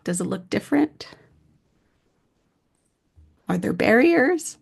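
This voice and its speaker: Gravelly-voiced woman leading a workshop. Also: on the high side, big pitch swings, slow. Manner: friendly, conversational, uses fillers like "like". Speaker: workshop facilitator. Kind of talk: guided reflection and conference talk.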